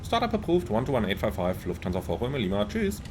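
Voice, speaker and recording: A male airline pilot gives clipped cockpit radio calls and checklist callouts, his pitch moving in a lively way. A faint hiss sits behind his voice. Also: fast.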